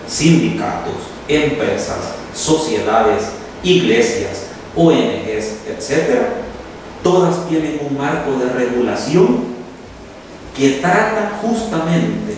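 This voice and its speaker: A man's voice: mid-range voice, a little mellow. Distant professorial Salvadoran man. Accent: Salvadoran Spanish. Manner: measured, professorial, lists points methodically. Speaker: law professor and university official, interview guest. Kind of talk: explanatory interview answers. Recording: echoey room, distant mic, background noise.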